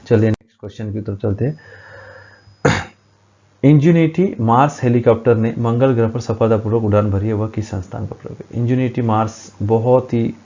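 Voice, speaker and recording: A man's voice: mid-range voice, moderate pace, dark tone, muffled recording. A man teaching a current affairs lesson for exam preparation, reading quiz questions and explaining the answers at a board with frequent hesitations.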